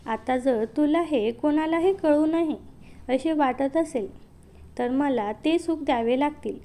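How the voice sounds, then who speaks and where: A woman's voice: sits high, measured pace, warm tone. A woman voicing a cold, insistent young man. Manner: cold, firm.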